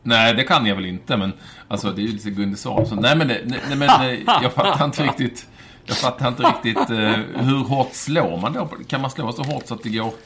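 A man's voice: medium pitch, a bit bright. A man hosting a podcast from his home, chatting casually with playful, mock-grand phrasing. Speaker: podcast host. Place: home in Stockholm.

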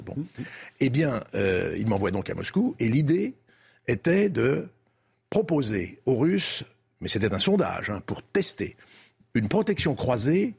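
As a guest in a debate, an older man from France explains diplomatic history in a measured, didactic manner, leaning on emphatic phrasing. He has a French accent and a husky, mid-range voice with a darkish tone.

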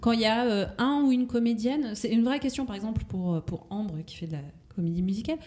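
A woman talks quickly in a casual podcast chat, and her voice sits fairly high. She makes her points with emphasis and keeps up a brisk pace. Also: warm tone.

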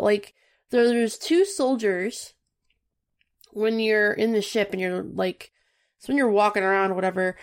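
A woman co-hosting a casual podcast chat, telling stories in an animated way. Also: medium pitch, creaky. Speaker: podcast co-host.

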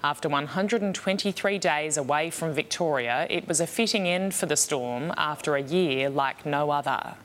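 A woman's voice: low voice, moderate pace, few pauses, fairly bright tone, a little hiss or hum. An Australian woman presenting scripted TV news in a dramatic, punchy tabloid style. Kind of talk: scripted TV news headlines and bulletin.

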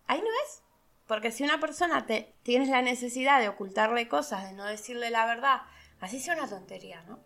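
Gravelly chatty woman, lilt. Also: fairly high pitch, a little fast, a bit bright. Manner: chatty, laughing, acts out quoted voices. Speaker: podcast host. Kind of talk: casual reflective monologue.

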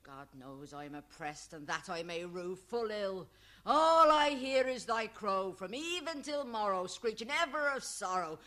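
A man's voice: high-pitched, expressive, measured pace, pushed and bright, heavily acted. A man playing Mrs Noah, a stubborn shrewish wife, scolding in old verse. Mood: scornful. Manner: scolding, mocking. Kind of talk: old-style verse play.

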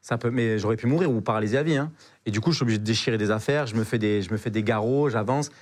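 A man's voice: fairly low pitch, very fast, a little mellow. A young man, a podcast guest, telling an adventure story in a casual, slangy way, with lots of hesitations and repeated words.

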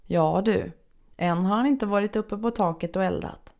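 A woman voicing a brisk, lightly mocking middle-aged female asylum nurse in a spoken horror story. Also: mid-range voice, darkish tone, voice pushed up, close to an everyday voice. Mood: teasing.

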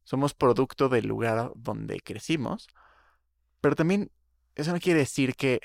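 Un hombre joven con acento mexicano, copresentador de un pódcast, opinando en charla casual con muchas muletillas y groserías. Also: male voice, mid-range voice, lively intonation, measured pace, gravelly, dry recording, clean studio sound. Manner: opinionated, slangy, rambling. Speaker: podcast co-host. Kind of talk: casual chat.

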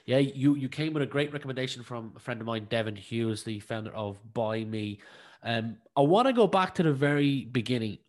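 A man's voice: medium pitch, lively intonation, brisk. A man, interviewing conversationally as a podcast host.

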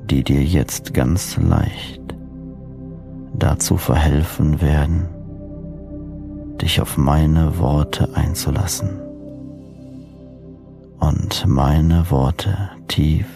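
A man narrates a guided sleep story in a deep voice with a creaky edge. His phrasing is soothing and deliberate, with pauses between short phrases. New-age music plays clearly behind him. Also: fairly even intonation. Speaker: host and hypnosis coach narrating sleep meditations.

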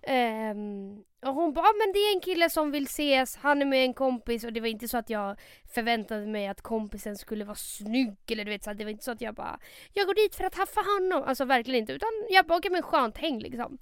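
A young woman with a high voice tells a story on her podcast, quoting people and cursing as she goes. The sound is dry and close to the mic. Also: clear, resonant tone, no room sound. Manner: animated storytelling, quoting others, swearing, laughing. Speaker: podcast co-host. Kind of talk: casual storytelling chat.

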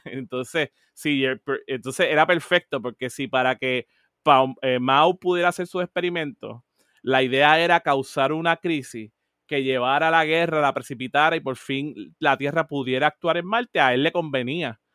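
Animated man, slightly high voice. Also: normal speed, dry recording, clean studio sound. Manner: animated, mixes English words into Spanish, frequent restarts. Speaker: podcast co-host. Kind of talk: casual discussion of a TV series.

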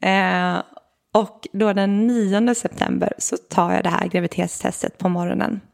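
Chatty woman with a gravelly voice. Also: mid-range voice. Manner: animated storyteller, acts out quotes. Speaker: podcast guest telling a personal story. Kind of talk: casual chat.

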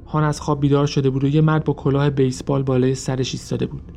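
Mellow-voiced man narrating true crime. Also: medium pitch, flat delivery, vocal fry, faint music behind. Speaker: podcast narrator.

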